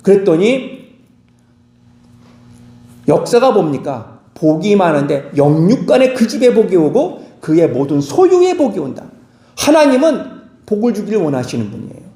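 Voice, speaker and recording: Korean pastor, man, high lively voice, mellow tone, dramatic sermon delivery, roomy church sound. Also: normal speed. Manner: dramatic, acts out quoted dialogue with wide swings in pitch. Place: church sanctuary.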